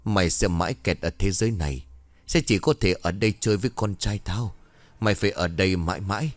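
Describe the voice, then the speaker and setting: A man's voice: sits low, fairly quick, no echo, close to an everyday voice. A man voicing a vengeful, hissing female ghost. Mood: gloating. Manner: hissing, taunting threats.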